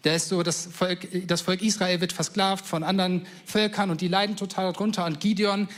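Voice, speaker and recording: Man, high-pitched voice, casual sermon, enthusiastic storytelling, conversational preacher. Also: flat delivery, moderate pace.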